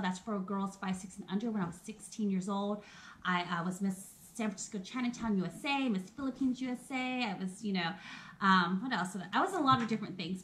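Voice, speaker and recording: With slight background noise behind her, a woman in her thirties chats on a casual live stream in a medium-pitched, fairly bright voice. She keeps it personal and talkative, laughing often as she speaks straight to the people watching.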